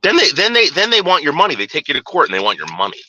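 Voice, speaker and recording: A man's voice: on the high side, huge pitch swings, very fast, pushed and bright, low-quality recording. A man ranting on a casual livestream, talking back to chat, profane and repetitive with frequent restarts. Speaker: livestream host reading chat.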